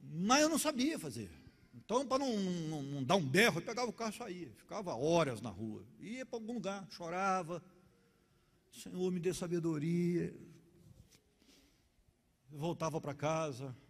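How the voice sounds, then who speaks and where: A middle-aged male pastor with a Carioca accent preaches with a slightly husky, fairly high voice. His delivery is animated and full of acted-out exchanges. The sound carries a long reverb from a church hall. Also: brisk. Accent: Carioca Portuguese. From Rio de Janeiro. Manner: animated storytelling, acting out quarrels. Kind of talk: sermon.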